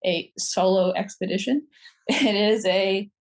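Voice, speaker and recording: A woman's voice: mid-range voice, measured pace. A young adult woman speaking as a guest on a podcast, chatty, often saying "like" and laughing lightly between phrases. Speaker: youth advisor guest. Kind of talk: casual podcast chat.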